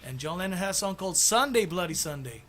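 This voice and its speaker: A man's voice: high-pitched, animated, fast talker, a bit bright, a little hiss or hum. A man, a tribute band musician chatting casually about music history, enthusiastic, laughing often and humming snippets of songs.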